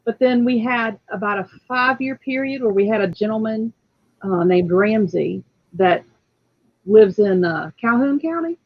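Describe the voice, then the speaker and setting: A woman's voice: medium pitch, lively intonation, a little slow, dry recording, lo-fi sound. A woman from a radio club calling in, chatting in a friendly storytelling way. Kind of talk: casual chat.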